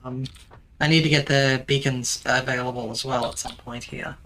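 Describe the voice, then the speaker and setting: A streamer with a bright, forceful voice, talking casually through a live game. The delivery is dry and teasing, explaining steps to a co-player with plenty of ums. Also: mid-range voice, fairly even intonation, normal speed. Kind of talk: casual live-stream chat while playing.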